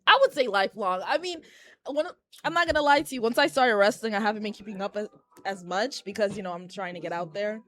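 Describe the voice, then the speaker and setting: A woman's voice: medium pitch, quick pace, a bit bright. A young woman from Haiti, a professional wrestler, talking candidly and chattily as a guest in an interview inside a shop. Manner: candid, chatty, laughs easily. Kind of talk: casual interview. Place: collectibles shop, indoors.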